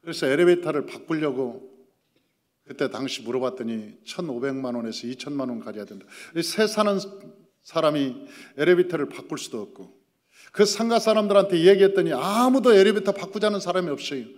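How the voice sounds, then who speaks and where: A man preaching as pastor, telling a story and acting out dialogue, moving between loud emphasis and hushed prayer. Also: a little high, lively intonation, fairly quick. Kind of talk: sermon. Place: church sanctuary. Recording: reverberant church hall.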